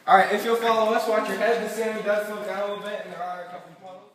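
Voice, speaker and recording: A man's voice: flat delivery, rapid-fire, a bit bright. A young man guides a group through a cave, cracking jokes between facts in a slightly raised voice. His voice rolls through heavy cave echo with a long tail. It reaches the mic from a few steps away. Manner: joking, upbeat. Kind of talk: guided tour talk to a group. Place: inside a cave, underground. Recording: booming cave echo from far off.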